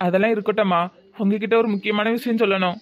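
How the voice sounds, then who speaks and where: A man playing a quick-talking young grandson. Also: sits high, steady tone, lightly acted. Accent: Tirunelveli Tamil. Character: young village grandson, eager and affectionate. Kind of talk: cartoon voice acting. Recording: dull lo-fi audio.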